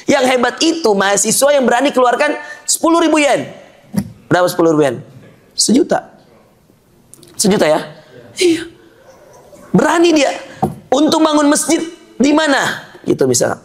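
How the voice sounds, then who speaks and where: Before a live audience, a very high-pitched male preacher delivers a sermon, joking with listeners, teasing them, and quizzing them with questions.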